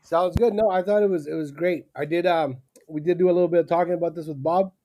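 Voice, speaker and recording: An animated man chats casually on a fan podcast with a slightly higher voice. His tone is warm and mellow, and he laughs easily as he tells his reactions. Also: quick pace. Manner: animated, laughs often, acts out yelling at the screen. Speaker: podcast co-host.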